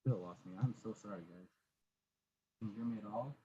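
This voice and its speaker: A man's voice: lowish voice, brisk, mellow, highs cut off. A man on a video call explaining project steps in a careful, explanatory way with many fillers, his audio fading and dropping out unevenly. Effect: choppy video-call audio with the volume fading and cutting out. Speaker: airport project consultant. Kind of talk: explaining at a public meeting.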